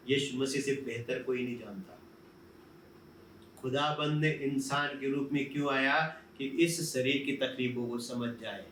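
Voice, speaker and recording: A man's voice: medium pitch, fairly bright tone, a little hiss or hum. A male pastor preaching a sermon, posing questions and answering them himself. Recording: roomy, from a distance, faint ambience.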